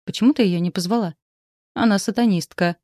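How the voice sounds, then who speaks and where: A woman's voice: a little fast, mellow, dry recording, clean studio sound, close to an everyday voice. A woman voicing a whiny, manipulative old bedridden mother who wails and complains. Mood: whining. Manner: plaintive, wailing, shrill.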